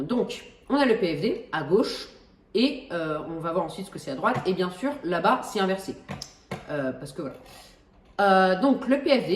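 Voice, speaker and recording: A woman in her own home explains a flight simulator cockpit in a loose, chatty way, stumbling through restarts and teasing herself as she goes. Her voice sits a little low, and she is recorded from some distance in an echoey room. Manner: chatty, many hesitations and restarts, self-joking. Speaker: flight simulator tutorial host. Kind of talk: casual tutorial explanation.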